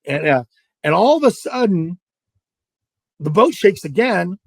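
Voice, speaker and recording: A man from Southern California, a guest angler, telling a fishing story in an animated way, with many restarts and asides. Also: high voice, a little slow, creaky, no echo, studio quality.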